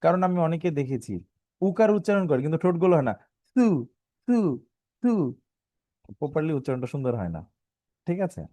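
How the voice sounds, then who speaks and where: Talking very fast, a man with a Bangladeshi Bengali accent runs a live online Arabic letter-sound lesson, patiently drilling syllables that learners repeat back. His voice is on the high side, mellow and animated, and he half sings while stretching out some sounds. No echo is present.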